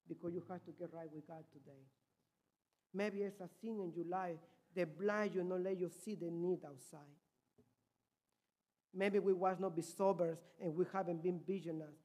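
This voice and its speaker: Peruvian missionary preacher, high-pitched, fervent, Spanish-accented English. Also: male voice. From Peru. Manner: impassioned, loud swings in volume. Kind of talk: sermon.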